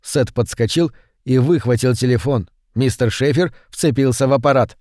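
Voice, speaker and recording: A man narrates a horror audiobook in a steady, measured way. His voice sits at a middle pitch. The recording is close and dry. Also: dry recording.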